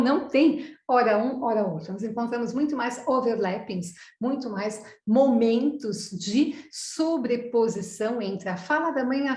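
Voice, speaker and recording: A middle-aged Brazilian woman, a psychoanalyst, gives an online lecture to professionals over a video call, her Brazilian Portuguese accent clear. Her voice is fairly high and darkish in an echoey room, and she explains step by step, answering her own questions.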